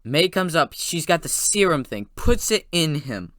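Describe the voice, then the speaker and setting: A man giving a casual, rambling spoiler recap of a movie, excitedly retelling scenes with lots of "like" and restarts. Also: on the high side, a little slow, no room sound, studio quality. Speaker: movie reviewer.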